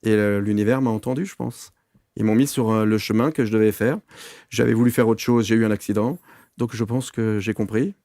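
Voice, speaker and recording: A man, a medium, telling lively anecdotes in a casual interview, full of fillers and restarts. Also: fairly low pitch, brisk, no room sound, studio quality.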